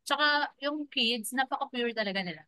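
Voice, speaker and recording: A woman's voice: fairly high pitch, lively intonation, brisk, bright, forceful tone, no room sound, low-quality recording. A woman hosting a casual podcast chat, affirming her guest in a mix of two languages. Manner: encouraging, affirming, mixes Tagalog and English.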